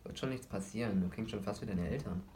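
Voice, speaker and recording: A man's voice: lowish voice, quick pace, mellow, a little hiss or hum, lightly acted. A man voicing a careless teenage boy who brushes off worries in a dismissive, laid-back way.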